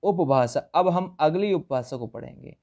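A man's voice: a little high, animated, normal speed, a little mellow. A man teaching an exam-prep lesson, posing quiz questions and repeating each point with reminders to remember it. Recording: dull lo-fi sound.

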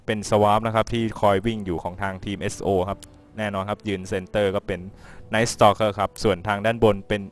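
A man's voice: on the low side, flat delivery, fairly quick, clean tone. A man casually commentating a live game broadcast, laughing easily and giving viewers tips. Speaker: esports commentator.

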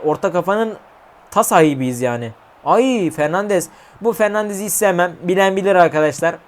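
A young man commentating his own mobile football match for viewers, chatty and slangy, often swearing and shouting at the game. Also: sits high, expressive, moderate pace. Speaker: gaming YouTuber.

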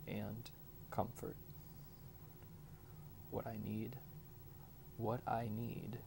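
A man in his twenties gives a soft, whispered ASMR pep talk in a hushed, deliberate manner with long pauses. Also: lowish voice, gravelly, background noise. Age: 20s. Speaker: ASMR creator reading positive affirmations. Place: small bedroom at home, indoors.

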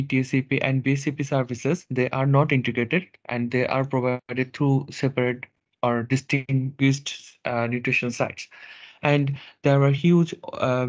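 Man presenting in a halting webinar. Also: mid-range voice. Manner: measured, with frequent hesitations and fillers. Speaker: nutrition officer presenting a webinar. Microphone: video call microphone. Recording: slightly dull video call audio.

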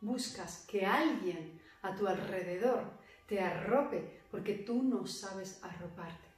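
Calm woman teaching meditation in an echoey room. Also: mid-range voice, faint music behind. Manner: calm, measured, speaks with slow emphatic pauses. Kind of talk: guided meditation talk. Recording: very echoey room, voice far from mic.

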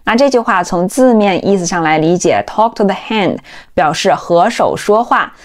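A woman with a medium-pitched, expressive voice teaches English vocabulary, walking through it step by step. She says each word slowly and repeats it several times.

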